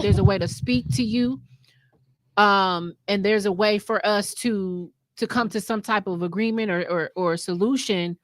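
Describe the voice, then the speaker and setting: A woman's voice: mid-range voice, a bit bright, no room sound. A woman hosting a podcast in casual conversation, earnest and repeating her points for emphasis. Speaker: podcast host.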